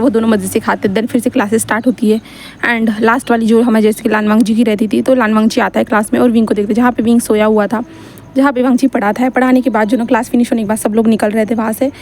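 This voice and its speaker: Mellow-voiced woman storyteller. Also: a little high, slight background noise. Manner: chatty, filler-laden retelling. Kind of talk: Hindi fan-fiction storytelling narration.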